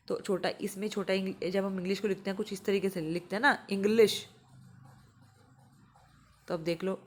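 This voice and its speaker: Woman teacher drilling sounds. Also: mid-range voice. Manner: repeats example words slowly and clearly. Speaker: English teacher for exam prep. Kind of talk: explanatory lesson.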